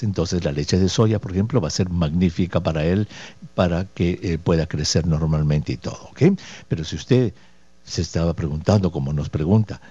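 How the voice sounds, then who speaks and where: A man's voice: low-pitched, warm tone, husky. A man hosting a radio health show as a doctor, explaining listeners' questions patiently with rhetorical questions and folksy diminutives. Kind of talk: radio health call-in advice. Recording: dull, dry lo-fi radio studio audio.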